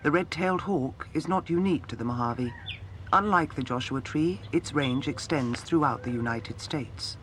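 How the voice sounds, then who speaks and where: A man reading scripted nature documentary narration in a measured, storytelling way. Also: on the high side, a bit bright, slight background noise. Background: background music.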